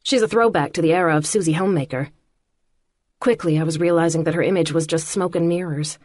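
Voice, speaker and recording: A woman narrating an audiobook in the first person with a measured, quietly intimate reading. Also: sits low, no echo.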